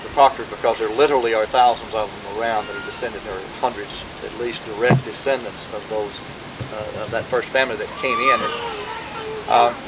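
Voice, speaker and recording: A man, talking informally to relatives at a family gathering in a rambling way with many pauses, heard on an old VHS home video. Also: on the low side, steady tone, background noise. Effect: old VHS home video sound. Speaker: family historian speaking at a birthday gathering.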